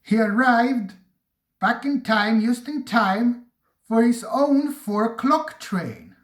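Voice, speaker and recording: A narrator reading a railway storybook aloud in an expressive way, recorded in a roomy space. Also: medium pitch, slow.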